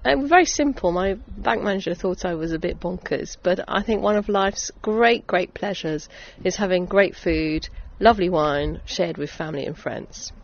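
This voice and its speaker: A woman's voice: lowish voice, animated, moderate pace, vocal fry, hardly any pauses. A middle-aged woman from Essex with a southern English accent, chatting enthusiastically as a vineyard owner in a casual interview. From Essex, England. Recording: dull lo-fi sound with background noise.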